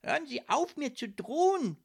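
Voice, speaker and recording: A woman's voice: sits high, moderate pace, creaky, pitched above the performer's own voice, full character voice. A woman voicing a feisty female sheep who speaks energetically in a storybook reading. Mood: lively indignant. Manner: energetic, indignant. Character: female sheep, cheeky and hot-tempered.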